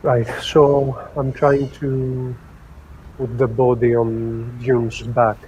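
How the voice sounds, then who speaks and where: A man playing a tabletop role-playing game, speaking gently and formally in character. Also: mid-range voice, flat delivery, extremely slow, dull audio, slight background noise. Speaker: player.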